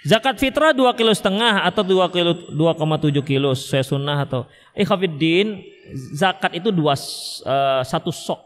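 A man's voice: a little high, animated, normal speed, fairly bright tone, big-room sound. A male Islamic preacher with a Medan Indonesian accent, giving a religious study lecture and answering questions, acting out little husband and wife dialogues.

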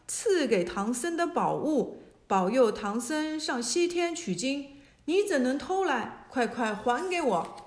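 A woman's voice: high voice, big pitch swings, unhurried. A woman voicing a stern, merciful female bodhisattva who scolds a demon. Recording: echoey room.

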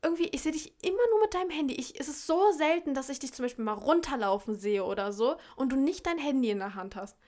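A young woman with a very high voice talks casually and bluntly. Her tone is impatient and quick to complain, with frequent laughs. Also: expressive, a little mellow. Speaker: vlogger. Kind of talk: casual chat.

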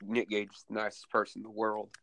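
A man with a lowish voice tells a wrestling-show story in a loose, rambling way, full of fillers and restarts. The sound is dry and close. It has no room echo. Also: monotone, fast, creaky, fairly bright tone. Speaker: co-host recapping a wrestling show. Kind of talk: casual podcast chat.

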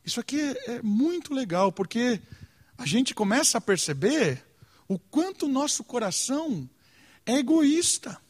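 A man's voice: very high voice, sing-song, measured pace. A man preaching a sermon earnestly, with rhetorical questions and swings of emphasis.

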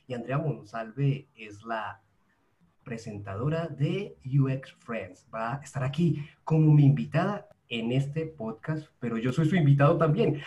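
A man's voice: mid-range voice, darkish tone. A young adult man from Colombia hosting a podcast, speaking with enthusiasm and addressing his audience directly. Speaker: podcast host. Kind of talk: casual conversational interview.

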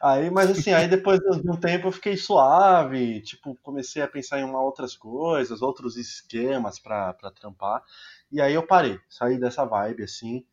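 A young man speaks in a laid-back, slangy storytelling way, often trailing off. His pitch sits in the middle range. The sound is a bit dull and lo-fi. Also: moderate pace, a little mellow. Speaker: musician and music teacher, guest. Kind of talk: casual podcast conversation.

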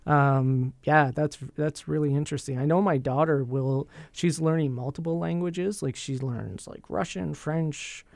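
A man's voice: fairly high pitch, fairly even intonation, unhurried, gravelly, hardly any pauses, darkish tone, dry recording. Middle-aged male podcast co-host, playful and teasing, recorded dry and close. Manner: joking, teasing, chatty. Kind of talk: casual chat.

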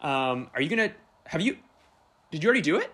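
A man's voice: a little high, big pitch swings, fast talker, fairly bright tone, husky, heavily acted. A man playing an overexcited young man who pushes and whines about getting his shot, in an improvised comedy sketch over a video call. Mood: eager. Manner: pushy, whiny, needy.

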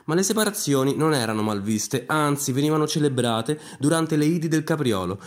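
A man narrating a comic fantasy story, with brisk, irreverent asides. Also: a little high, expressive.

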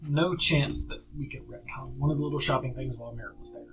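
A man's voice: medium pitch, quick pace. A man playing in a tabletop game, chatting offhand and joking. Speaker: player. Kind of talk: casual tabletop game chat. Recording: distant mic with music behind.

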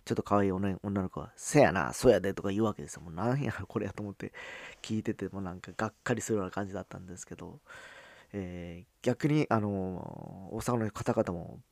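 Guy from fukuoka w a hakata accent, gravelly lowish voice, chatty solo talk full of ums, dry close sound. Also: a little mellow, no echo. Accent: Hakata dialect. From Fukuoka, Japan. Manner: halting, with frequent "um" fillers and drawn-out phrase endings. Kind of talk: casual spoken monologue.

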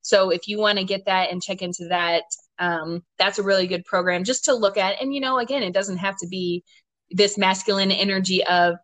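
A woman's voice: mid-range voice, steady tone, brisk, a bit bright, dry recording. A woman hosting a podcast, chatting casually, with a talkative manner, frequent laughs and many "you know" fillers. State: ten months postpartum. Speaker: podcast host and doctor.

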